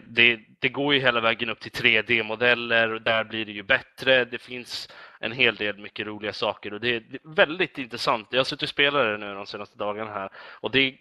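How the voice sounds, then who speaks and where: Podcast guest, male, very bright dry voice, rambling and full of fillers. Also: mid-range voice, no room sound. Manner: rambling, many fillers and restarts. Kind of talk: casual chat.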